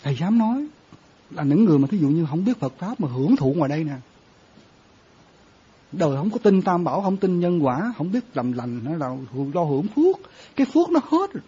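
Monk giving a chatty dharma talk. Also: male voice, fairly high pitch, big pitch swings, brisk, mellow, breathy edge. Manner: conversational, quizzing listeners with repeated questions. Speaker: Buddhist monk teacher. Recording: dull lo-fi sound.

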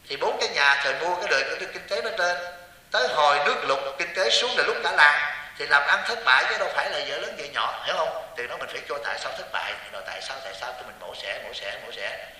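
A man giving a Buddhist sermon in a high, piercing voice, teasing his listeners and tossing them rhetorical questions. His words bounce around a hall that rings with long reverb. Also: animated, fast, sharp tone, recorded from a distance. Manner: joking, with rhetorical questions to the audience. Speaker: Buddhist monk teacher. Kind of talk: sermon to lay followers.

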